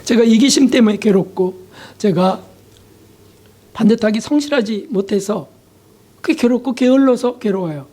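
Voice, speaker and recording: A man's voice: high-pitched, animated, moderate pace, pauses often, warm tone. Male pastor, sermon, emotional confessional delivery, rhetorical questions, sudden drops to near silence. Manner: asks the congregation rhetorical questions.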